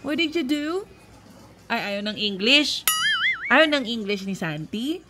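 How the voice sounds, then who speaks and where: A woman's voice: fairly high pitch, very animated, slow, over loud music. A young mother vlogging her kids, cooing baby talk and mixing English into her speech. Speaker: mother vlogging family life. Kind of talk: casual family vlog.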